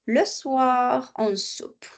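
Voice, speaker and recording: A woman teaching French at an unhurried, deliberate pace. She explains exercises patiently, repeats each phrase and now and then slips into for her students. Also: high voice, creaky. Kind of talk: online language lesson, explaining exercises.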